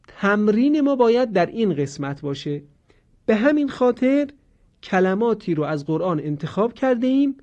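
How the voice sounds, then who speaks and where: A man teaching Quranic pronunciation, explaining rules and drawing out example words slowly. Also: on the high side, darkish tone. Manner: slow, deliberate drawn-out model words between explanations. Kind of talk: instructional lesson on Quranic pronunciation. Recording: dull lo-fi audio.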